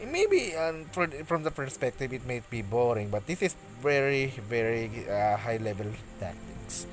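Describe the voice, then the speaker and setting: Soft background music sits under a male esports caster running practice commentary in a medium pitch. He stumbles and restarts a lot but erupts with energy at the big moments.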